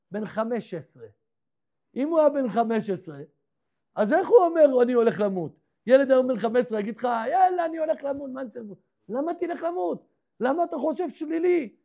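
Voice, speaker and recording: A rabbi with a very high, gravelly voice that still sounds mellow and dark in tone. He preaches through a story, firing rhetorical questions at the listeners and performing each character's lines. The recording is dull and lo-fi. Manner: acts out the characters' dialogue in lively voices. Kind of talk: storytelling sermon.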